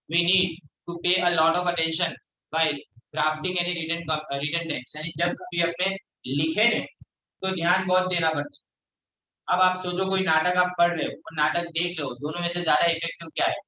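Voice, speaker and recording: Male lecturer, high and bright, flat delivery, reads slowly and explains in Hindi, echoey room. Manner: reads English lines slowly from the text, then explains them in Hindi. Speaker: college lecturer. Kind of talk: classroom lecture mixing Hindi and English.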